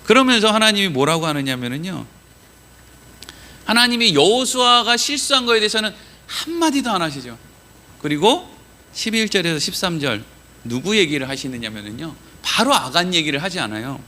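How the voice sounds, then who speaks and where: A man's voice: high-pitched, animated, normal speed, pushed and bright. A man preaching a Wednesday evening sermon in a church, chatty and joking, quizzing the listeners. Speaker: pastor.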